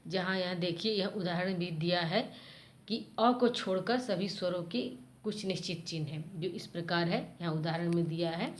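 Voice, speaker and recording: A woman's voice: on the low side, moderate pace, slight background noise. A woman teacher giving a grammar lesson to children, spelling out letter sounds one at a time in a patient, explanatory way. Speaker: school teacher.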